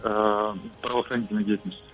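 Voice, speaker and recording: A man in his late twenties calling a radio show, speaking hesitantly with many pauses. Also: lowish voice, flat delivery, soft background music, low-quality recording. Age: late 20s. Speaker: caller. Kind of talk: phone-in question.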